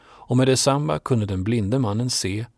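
A man reading a Bible story aloud in scripted narration, steady and even. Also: medium pitch, vocal fry, dry recording, studio quality. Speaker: reader.

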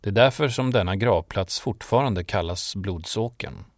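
A man narrating a Bible story in a measured, solemn scripted reading. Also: lowish voice, no echo, clean studio sound.

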